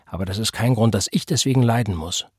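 A man's voice: fairly low pitch, fast, breathy edge, no room sound, clean studio sound. A man reading the part of a bitter, defiant young pregnant woman who speaks in a cold, taunting, accusing way.

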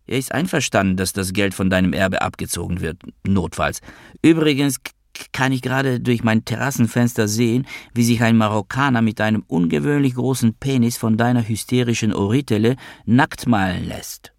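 A man's voice: medium pitch, normal speed, creaky, dry recording, clean studio sound, voice pushed up, natural voice. A man reading an audiobook, voicing a teasing, sarcastic male friend on the phone. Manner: sarcastic, needling.

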